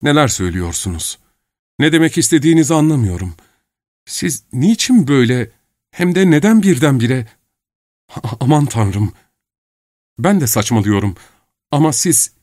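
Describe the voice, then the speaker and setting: A man's voice: expressive, normal speed, long pauses, darkish tone, no room sound, studio quality, natural voice. Guy doing an upset young woman in an audiobook, pleading, voice raised, swoops around a lot. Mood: flustered. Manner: pleading, emotional, higher voice. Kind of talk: audiobook character reading.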